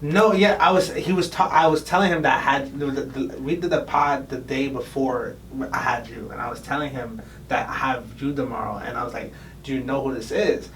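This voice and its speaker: A man's voice: mid-range voice, fairly even intonation, a little fast, fairly bright tone. A young man hosting a podcast, asking questions in easygoing, slangy chat. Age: young adult. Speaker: podcast host. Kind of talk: casual interview chat. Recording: distant mic with faint room noise.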